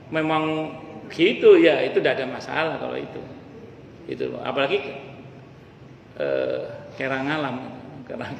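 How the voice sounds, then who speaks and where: A man's voice: high-pitched, gravelly, fairly bright tone, a little hiss or hum. A man giving a casual, humorous religious study lecture in a mosque, addressing the ladies in the audience directly. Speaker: preacher. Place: mosque hall. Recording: echoey hall with faint ambience.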